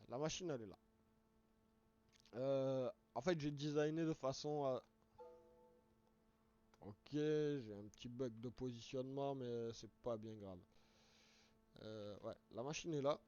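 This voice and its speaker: A man with a hoarse voice, casually talking viewers through a game on a live stream, rambling and restarting words as he explains each step. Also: medium pitch, measured pace, pauses often, mellow. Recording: dull lo-fi stream audio.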